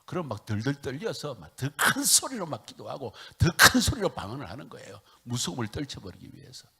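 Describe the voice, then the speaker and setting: A middle-aged man preaching a sermon as a missionary, swinging from hushed whispers to loud calls, having the congregation repeat lines, and acting out his own tearful prayers. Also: medium pitch, very animated, brisk, vocal fry, slightly rough.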